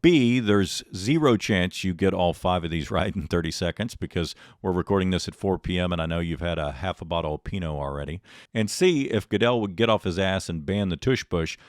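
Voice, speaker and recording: A man's voice: sits low, animated, fairly quick, no room sound, clean studio sound. A man hosting a comedy show, telling stories and running a quiz with wry sarcasm. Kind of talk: comedic monologue and game hosting.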